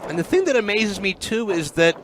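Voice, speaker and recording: A man's voice: high voice, very animated, a little fast. A man doing play-by-play as a lucha libre announcer, calling the wrestling moves in clipped phrases. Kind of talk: lucha libre match commentary. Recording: loud noise around the commentary.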